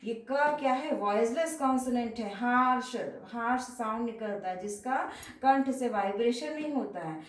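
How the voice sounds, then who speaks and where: A woman's voice: on the high side, moderate pace, echoey room, low-quality recording. A woman teaching English pronunciation with an Indian English accent, patiently explaining and asking rhetorical questions while repeating example words. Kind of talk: explanatory lesson mixing Hindi and English.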